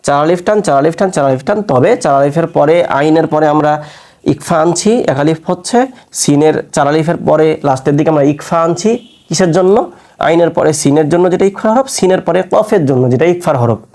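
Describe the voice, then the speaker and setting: A man teaching a Quran recitation class, explaining patiently and stretching letter sounds to demonstrate, tired from fasting. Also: a little high, darkish tone.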